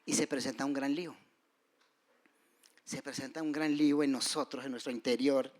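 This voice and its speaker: A man preaching a sermon, moving between loud rises and soft, hushed drops. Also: mid-range voice, steady tone, normal speed. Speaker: pastor.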